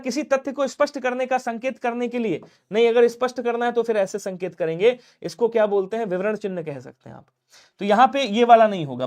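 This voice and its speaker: A man teaching an exam-prep Hindi grammar lesson, quickly drilling questions and answering them himself in his students' voices. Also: sits high. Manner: drills quickly, urging speed.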